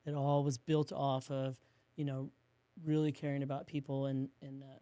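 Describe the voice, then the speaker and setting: A man, a business co-owner, telling a rambling story in an interview and acting out quotes in a hushed voice. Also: medium pitch, completely flat delivery, moderate pace, clean tone, no echo. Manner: rambling, with many restarts and fillers.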